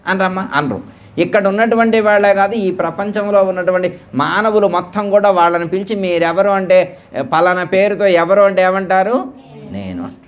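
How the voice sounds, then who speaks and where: A man leading a devotional discourse at a temple gathering, slowly repeating words and quizzing his listeners with questions to check they follow. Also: sits high. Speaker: spiritual teacher.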